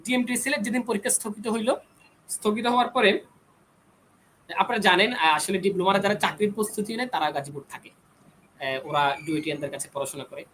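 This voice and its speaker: This young adult man, an engineering student appearing as a panel guest, has a high-pitched, fairly bright voice and talks a little fast. He argues his side insistently in a heated debate, pushing back whenever he's cut off. The low-quality recording carries a little hiss or hum.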